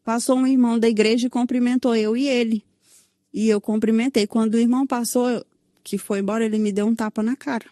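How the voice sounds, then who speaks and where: Brief: São Paulo woman, higher-pitched but mellow tone, close and dry mic, telling her own testimony. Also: fairly even intonation, brisk, no room sound. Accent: Brazilian Portuguese, São Paulo. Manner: recounts with many "né?" tags and quoted dialogue. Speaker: guest sharing her testimony. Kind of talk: emotional personal testimony.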